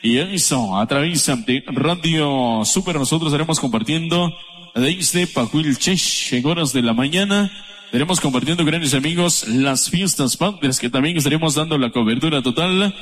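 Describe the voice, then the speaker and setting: A man from Guatemala hosting live radio and reading out listener greetings one after another in a brisk, repetitive way. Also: on the high side, a bit bright. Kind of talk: live radio shout-outs. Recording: long hall reverb.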